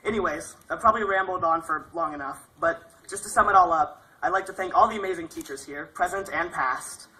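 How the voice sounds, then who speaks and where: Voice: mid-range voice, pushed and bright, low-quality recording. A young adult speaker delivering a prepared graduation speech as a graduating student.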